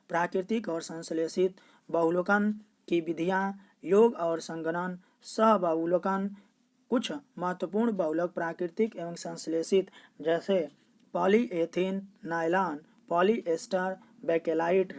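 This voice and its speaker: A woman teacher reading out a school syllabus as a steady, itemized list. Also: lowish voice.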